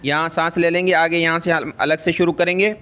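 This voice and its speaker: High, smooth-voiced man teaching Quran recitation. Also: flat delivery, pushed and bright. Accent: Pakistani Urdu. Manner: slow drawn-out melodic recitation, then brisk spoken explanation. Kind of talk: tajweed lesson, slow chanted recitation alternating with quick explanation.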